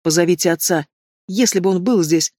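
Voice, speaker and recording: A man's voice: sits high, fairly quick, a little mellow, no room sound, studio quality. A man reading an audiobook voices a passionate, defiant young noblewoman, lifting his voice into emotional outbursts.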